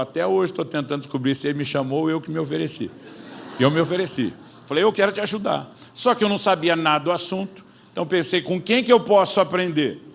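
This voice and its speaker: A man preaching, an animated storyteller who acts out conversations in his own voice. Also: fairly high pitch, creaky, slight background noise. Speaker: pastor. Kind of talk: sermon storytelling.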